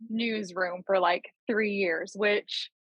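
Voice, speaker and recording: A woman's voice: medium pitch, fairly even intonation, takes it slowly, a bit bright, no room sound, rough recording. A woman in her twenties, chatty and self-deprecating, talking casually on a podcast. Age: 20s. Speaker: project manager.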